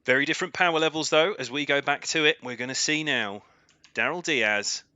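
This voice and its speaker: A man commentating a live sim drift racing event, his voice climbing with excitement during the battles. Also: fairly high pitch, fairly quick, no room sound, muffled recording.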